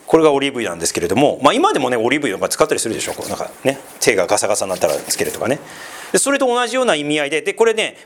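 Male pastor, conversational sermon, chatty asides, fairly high, very animated pitch. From Sendai, northeastern Japan. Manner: chatty, with many asides and tag questions.

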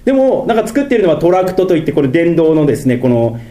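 A middle-aged man with a Tohoku accent preaches a sermon as pastor. His voice sits a little high but sounds dark and mellow, with pitch that leaps up and down. He stretches out his lofty passages and rushes through quieter asides. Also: big pitch swings. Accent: Tohoku Japanese. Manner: swings between lofty, drawn-out preaching and quick, mumbled asides.

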